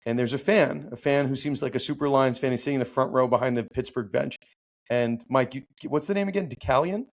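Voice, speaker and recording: A man hosting a podcast and breaking down a sports law case. He talks at a middling pitch and explains step by step in an easy, chatty way. He often stops and restarts mid-sentence as he thinks out loud. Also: quick pace. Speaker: podcast host and law teacher. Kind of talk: casual legal commentary.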